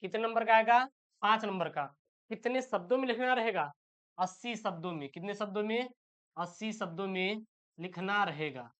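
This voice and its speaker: A male teacher, giving an exam-prep lesson. He reads set texts aloud slowly and keeps asking questions that he answers himself. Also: high-pitched, a bit bright, clean tone.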